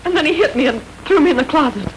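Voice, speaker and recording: An actress playing a plucky young woman amateur sleuth in a 1930s radio drama, with a brisk, bossy manner. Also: high-pitched, expressive, a little hiss or hum, rough recording.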